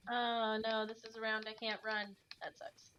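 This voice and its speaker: A woman playing a shooter game with friends, giving calm, matter-of-fact callouts and casual chat. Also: a little high, normal speed, dull audio, slight background noise. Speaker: co-streamer.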